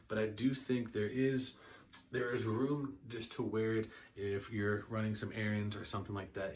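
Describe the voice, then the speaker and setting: Young male reviewer, low-ish, casual, enthused, filler-heavy, slightly distant mic. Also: slight background noise. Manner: chatty, enthusiastic, many fillers and restarts. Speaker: fragrance reviewer.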